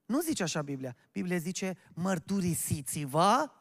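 A man's voice: high-pitched, lively intonation. A man preaching a sermon to his congregation as their pastor, emphatic and often calling out questions to them. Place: church hall. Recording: long church-hall reverb.

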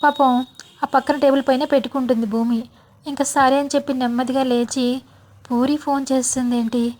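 A woman casually retelling a TV serial episode in a chatty, animated way, slipping into the characters' lines. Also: sits high, fairly quick. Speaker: storyteller.

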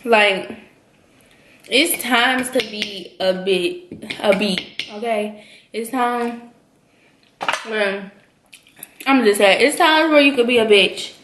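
A woman's voice: on the high side, slow, long pauses, fairly bright tone, slight background noise. Chatty young woman vlogger, echoey room. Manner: chatty and sassy, lots of "like" and "y'all". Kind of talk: casual chat mukbang.

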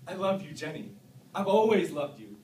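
A man in his twenties performing a dramatic monologue as a tormented, self-loathing young Vietnam veteran, with an intense, halting, emotional delivery, recorded from afar in a classroom. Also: a little high, sing-song. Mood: broken, pleading. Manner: intense, emotional, halting delivery swinging between hushed and explosive. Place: classroom, indoors. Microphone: far camera. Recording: roomy, distant camera mic with faint noise.

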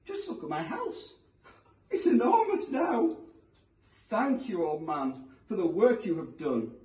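A man voicing a fretful little old woman who wails and pleads in a shrill voice. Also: big pitch swings, slow, a little mellow, full character voice. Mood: relieved. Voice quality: shrill, wailing. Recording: roomy, from a distance.

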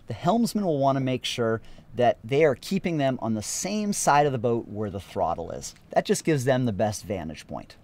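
Here a man in his thirties, an instructor, offers casual, practical sailing instruction on a boat in the open air, keeping it upbeat. His voice is mid-range and a little mellow.

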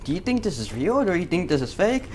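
A man's voice: high voice, sing-song, quick pace, darkish tone, a little hiss or hum. A man, a gaming YouTuber, talking casually over gameplay in a rambling, profane way with lots of fillers.

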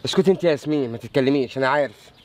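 An actor playing a pushy, teasing brother-in-law, speaking with an Egyptian accent. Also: male voice, mid-range voice, racing, darkish tone, close to an everyday voice. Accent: Egyptian Arabic. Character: scheming brother-in-law who bullies a suitor.

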